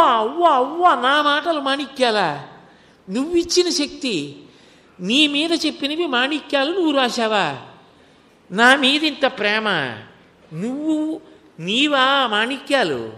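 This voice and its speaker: A man voicing an elderly male saint overwhelmed with devotion, who exclaims and pleads in a raised, bright voice. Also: very high voice, sing-song, measured pace, pauses often, voice pushed up, exaggerated voice. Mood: overjoyed, awed. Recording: long hall reverb.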